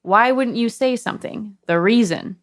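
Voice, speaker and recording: A woman's voice: on the high side, normal speed. A woman in casual podcast banter before a tabletop game, reasoning things out with lots of "like.". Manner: reasoning, talks things through with filler "like". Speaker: podcast co-host player.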